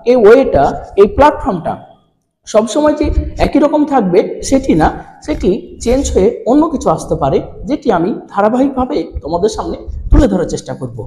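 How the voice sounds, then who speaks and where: A man's voice: high voice, dark tone. A male teacher giving a pronunciation lesson to students, asking questions and repeating each answer as a drill. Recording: roomy with long reverb.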